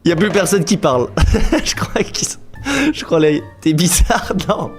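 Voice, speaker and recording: A man hosting gameplay commentary who talks straight to his viewers, gets excited easily and laughs often. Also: a little high, normal speed, faint music behind. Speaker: gaming YouTuber host.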